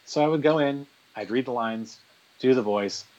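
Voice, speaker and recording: Male podcast guest, lively storyteller, mid-pitched voice, muffled lo-fi sound. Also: normal speed. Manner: animated storyteller, quotes people in voices. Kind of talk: casual interview chat, storytelling. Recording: dull lo-fi sound.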